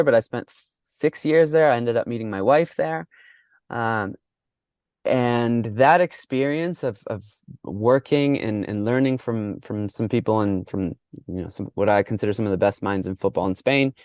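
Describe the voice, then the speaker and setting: A man in his thirties with an American accent talks as a podcast guest. His voice is smooth and clear, at an ordinary pitch. The sound is close and dry, and he often repeats words while thinking aloud. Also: a little mellow, no echo. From Mexico, raised in the United States. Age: 30s. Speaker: guest coach. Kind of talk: casual podcast interview.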